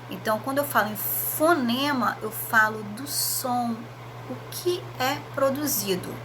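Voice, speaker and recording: A woman's voice: on the high side, pushed and bright, a little hiss or hum. A Brazilian woman teacher giving a recorded video lesson, spelling out letters and checking in with frequent tag questions.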